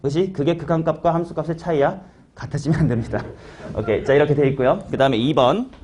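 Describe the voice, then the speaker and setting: A man's voice: on the high side, fast, darkish tone, slight background noise. A man teaching a math class, talking casually and quizzing students by name. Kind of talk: classroom lecture.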